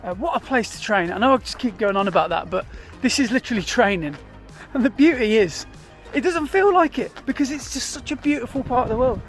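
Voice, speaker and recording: Weary British male running vlogger, higher-pitched, candid and chatty, music in the background. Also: expressive, brisk, hardly any pauses. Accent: British English. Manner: chatty, candid, self-deprecating. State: tired and dizzy mid-run. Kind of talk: casual vlog narration.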